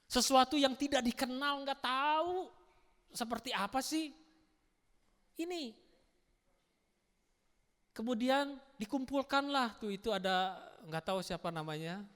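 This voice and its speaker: Male pastor, unhurried, animated sermon delivery with English asides; echoey church hall. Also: very high-pitched. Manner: animated, playful, laughs, mixes in English. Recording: long reverb church hall.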